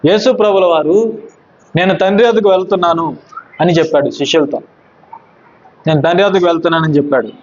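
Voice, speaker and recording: A man preaching a sermon who asks his listeners questions and answers them himself, dropping low and slow on scripture quotes. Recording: dull lo-fi recording.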